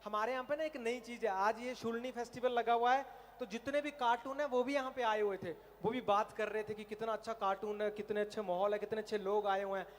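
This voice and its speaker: A man from Himachal Pradesh doing animated stand-up comedy on an outdoor festival stage, telling stories. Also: high voice, fairly quick, slight background noise. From Himachal Pradesh, India. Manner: animated storytelling, puts on animal and cartoon voices. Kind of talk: stand-up comedy at a college fair.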